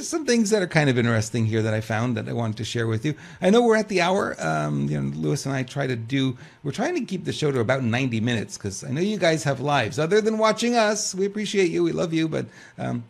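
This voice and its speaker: Animated older man, lively rising voice. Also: fairly high pitch, creaky. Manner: animated, rhetorical questions, many restarts. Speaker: co-host of a political news talk show. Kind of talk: casual commentary and reading news aloud.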